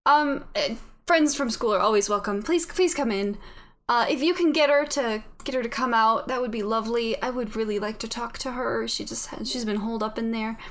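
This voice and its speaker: A worried, polite middle-aged mother who welcomes guests with hesitant, halting words, as a woman puts her on. The voice sits a little high. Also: a bit bright. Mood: worried, welcoming.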